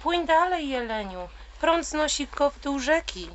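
A woman voicing a tiny, anxious little bird in a children's storybook, with a high chirping voice. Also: sing-song, a little slow, very noisy. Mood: excited.

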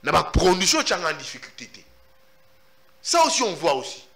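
A man with a Congolese French accent, a journalist, gives animated answers as an interviewee, mixing in Lingala. He speaks emphatically and repeats himself to press his point, his slightly high, creaky voice making huge pitch swings. His tone is bright and forceful, and his delivery brisk.

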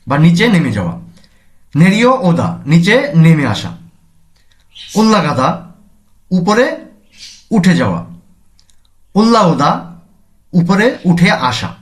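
A man from Bangladesh teaching a language lesson, slowly saying each word and then its meaning, repeating terms for his students. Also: a little high. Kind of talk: classroom lesson explanation.

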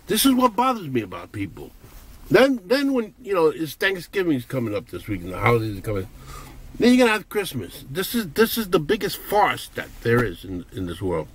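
A man's voice: high voice, fairly bright tone, slight background noise. An older man giving a blunt, profane vlog rant while running errands. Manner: blunt, profane, ranting, heated bursts. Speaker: vlogger.

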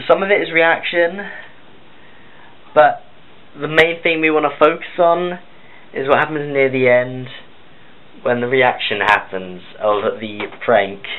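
A man who is ill, hosting a casual vlog with a muffled voice and lots of hesitant ums. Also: on the high side. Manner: hesitant, many ums and uhs. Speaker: channel host. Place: at home. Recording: tinny lo-fi phone-like recording with faint hiss.

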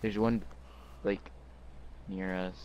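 Low-voiced, laid-back gamer man. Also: level tone, slow pace, darkish tone, a little hiss or hum. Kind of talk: casual gameplay chat.

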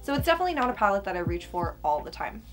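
A young woman talks to camera in a casual, emphatic way, ranking products like a beauty vlogger. Her pitch is average for a woman and her s sounds whistle. There is music behind her in a furnished room. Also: big pitch swings, racing. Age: young adult. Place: small furnished room indoors.

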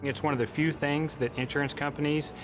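A man's voice: a little high, steady tone, a little fast, noisy background. A male clinician speaks confidently and matter-of-factly about rehab outcomes in an interview in an indoor gym, on a lapel mic. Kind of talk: documentary interview.

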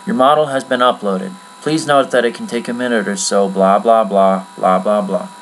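A man giving a casual, rambling screen-recorded software tutorial from his computer at home, with many fillers. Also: fairly low pitch, moderate pace, a little hiss or hum, low-quality recording. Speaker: tutorial maker.

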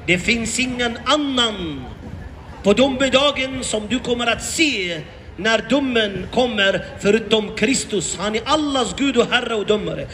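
A man's voice: very high-pitched, a bit bright, big-room sound, a little hiss or hum. A man preaching to passers-by outdoors on a city street, impassioned and full of repeated rhetorical questions. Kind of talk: open-air evangelistic preaching.

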